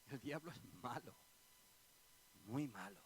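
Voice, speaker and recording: A man from Spain with an Andalusian accent preaches a sermon in church, alternating loud bursts with quiet asides and putting direct questions to the congregation. His medium-pitched voice is animated but slow. The audio is poor, with slight background noise.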